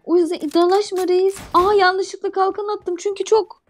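A woman's voice: very high voice, steady tone, normal speed, faint music behind. A woman co-player teasing her partner playfully in casual chat during a game.

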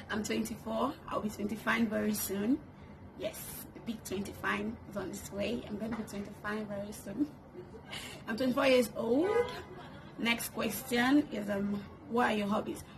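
This YouTuber in her twenties films a get-to-know-me vlog from her bedroom, talking playfully and laughing often to a tripod-mounted camera. She speaks at a medium pitch in a steady, measured way, leaving long pauses. Background noise can be heard.

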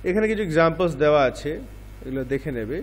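A man's voice: fairly high pitch, expressive, quick pace, big-room sound. A male English teacher with a Bengali accent explains grammar, asking questions and answering them himself. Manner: explains in Bengali mixed with English examples, asks and answers his own questions. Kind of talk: grammar lesson.

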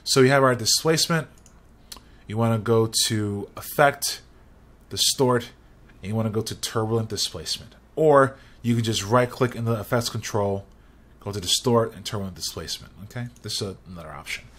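A young man hosting a screen-recorded software tutorial, talking casually and rambling, often restarting his phrases. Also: lowish voice, moderate pace.

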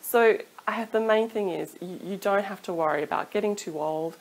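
A woman in her thirties, a singing teacher, gives friendly, encouraging tips to camera from a small room in her home and laughs now and then. Her voice is mid-range and moderately paced. An off-camera studio mic captures her, but the recording is rough.

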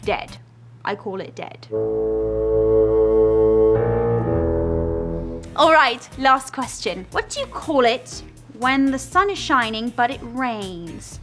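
A woman's voice: on the high side, expressive, unhurried, loud music behind the voice. A young woman playing a chatty, over-polite, foul-mouthed noblewoman vlogger in a comedy sketch. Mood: hesitant, polite. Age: young adult. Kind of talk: parody vlog sketch, scripted comedy. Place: indoor studio, seated before camera.

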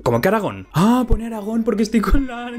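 A young man from Spain with a Spanish accent, casually commentating his gameplay in an excitable, chatty way and laughing often. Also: sits high, brisk, faint music behind. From Valencian Community, Spain. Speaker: gaming YouTuber. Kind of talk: casual let's-play commentary.

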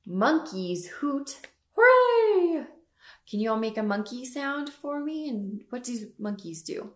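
In a small room at home, a young woman leads storytime, reading picture books to toddlers and putting exaggerated emphasis on simple questions. Her voice is on the high side and her pace a little slow. The home webcam captures a roomy sound.

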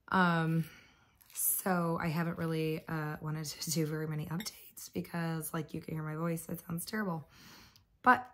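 A woman vlogging at home in a casual, rambling way, hoarse and coughing from bronchitis. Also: sits low, fairly bright tone. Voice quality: husky, lost voice. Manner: chatty, rambling with fillers. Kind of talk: casual vlog chat.

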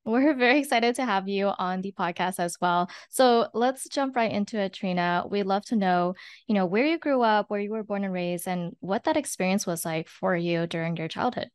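A woman's voice: medium pitch, moderate pace, clear, resonant tone. A woman hosting a podcast over a headset, friendly and chatty, with many "like" and "you know" fillers. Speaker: podcast host. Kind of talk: remote interview.

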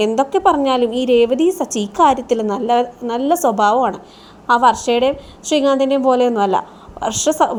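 A woman casually retelling a TV serial episode in a brisk, chatty way. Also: high-pitched, a little mellow. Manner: brisk, chatty, tags lines with 'you know'.

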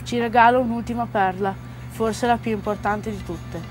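A teenage schoolgirl slowly reading a story aloud for a school news report, earnest and careful. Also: on the high side, fairly even intonation, faint music behind. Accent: Italian. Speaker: student reader.

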